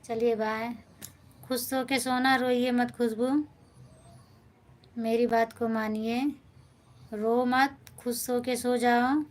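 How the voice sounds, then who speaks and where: A woman hosting a casual live stream from a phone, reading viewers' comments and gently soothing them, calling them brother and sister. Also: on the high side, flat delivery, slow, long pauses. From India.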